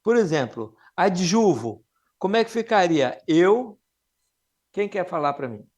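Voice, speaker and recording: A Brazilian man with a notably high voice leads a live classroom lesson. He drills his students patiently with questions and slows down to sound out each word for them to repeat. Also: big pitch swings, darkish tone. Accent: Brazilian Portuguese. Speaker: Latin teacher.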